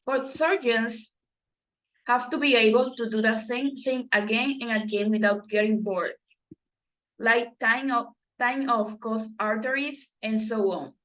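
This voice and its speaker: Slow, halting woman reading a textbook. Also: on the high side, fairly bright tone, rough recording. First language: Spanish. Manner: halting, self-correcting reading with restarts. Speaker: student reading textbook exercises.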